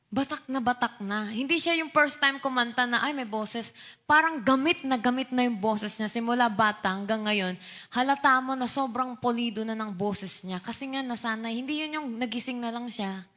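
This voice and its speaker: A woman's voice: a little high, bright, forceful tone. A young woman giving a casual youth sermon in Taglish, mixing Tagalog and English, chatty, asking her listeners questions. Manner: chatty Taglish preaching, asks the crowd questions. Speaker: youth preacher and voice teacher.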